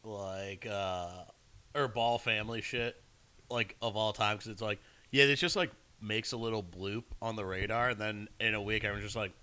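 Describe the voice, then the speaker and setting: Bright, laid-back male co-host. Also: lowish voice, fairly even intonation, clear, resonant tone. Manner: laid-back, drawn-out musings with many fillers. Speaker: podcast co-host. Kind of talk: casual chat.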